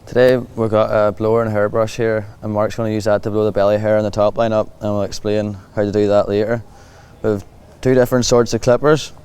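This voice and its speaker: A livestock clipping demonstrator, a Northern Irish man with a matching accent, explains the hands-on job in plain, practical, reassuring terms. His voice is lowish and darkish, level in tone, and a little fast. Clippers and machinery buzz clearly throughout.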